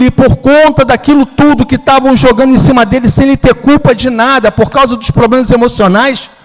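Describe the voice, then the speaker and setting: A man preaching a sermon as pastor. He tells a personal story and acts out the dialogue in it. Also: very high-pitched. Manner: storytelling, acts out his own and his mother's lines. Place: church hall. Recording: long hall reverb.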